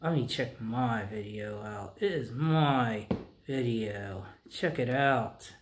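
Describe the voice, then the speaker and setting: A man voicing a cocky, argumentative boy ventriloquist dummy who boasts in drawn-out speech. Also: mid-range voice, background noise, close to an everyday voice. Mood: insistent. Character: cocky bickering boy ventriloquist dummy, self-proclaimed star.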